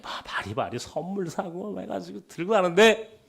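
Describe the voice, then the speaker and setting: A man's voice: high-pitched, moderate pace, vocal fry, slightly rough. A middle-aged Korean man preaching a sermon as pastor, with a light Chungcheong dialect, telling stories and acting out conversations, sometimes dropping to a whisper. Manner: animated storytelling, acting out dialogues, dropping to whispers.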